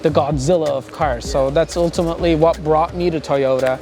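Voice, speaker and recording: A man's voice: a little high, fairly even intonation, brisk, darkish tone, faint music behind. A man from Turkey who works for a car dealership, explaining his products with enthusiasm in an interview at an outdoor car show.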